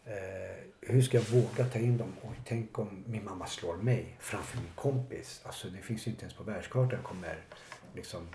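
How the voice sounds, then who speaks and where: A low, gravelly man recounts his past in an interview, pausing often and reflecting as he goes. His voice is dark and mellow. The recording sits in an echoey room with a faint hiss of noise behind it. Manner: halting, reflective, many pauses and fillers. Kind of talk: personal life story interview.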